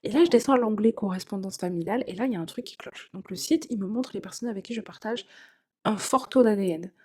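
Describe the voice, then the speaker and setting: This is a young woman recounting something that happened to her, in a relaxed, confessional tone. She talks casually, dropping in filler sounds and little asides to whoever is listening. Her voice sits at an ordinary middle pitch. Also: quick pace. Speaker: storyteller. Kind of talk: first-person confessional storytelling.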